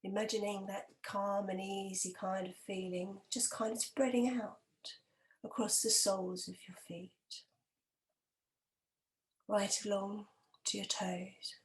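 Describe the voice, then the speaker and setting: Taking on a hypnotherapist's role, a woman leads a guided meditation for relaxation. Her medium-pitched voice is soft and sometimes breathy, and she speaks calmly, gently and in a measured way with long pauses.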